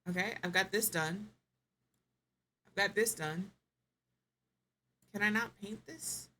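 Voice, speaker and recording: A woman's voice: medium pitch, slow pace, pushed and bright, slight background noise. A woman streamer giving casual live gameplay commentary, thinking aloud, musing and correcting herself as she goes.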